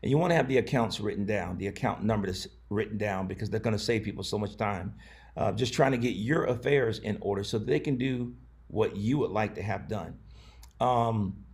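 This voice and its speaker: Pastor guy on a live stream, lowish voice, earnest and chatty, lots of ums. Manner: earnest, conversational, many fillers and restarts. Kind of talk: live-streamed advice talk. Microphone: camera, not the usual setup.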